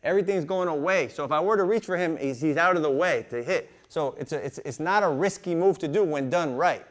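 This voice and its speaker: A man coaching boxing drills hands-on, talking informally and repetitively with "right?" tags and punctuating his instructions with vocal punch sounds. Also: brisk. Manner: punctuates talk with vocal punch sounds like whoop, bang, boom; repetitive, informal phrasing with frequent 'right?' tags. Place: boxing gym. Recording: clear background noise in a gym.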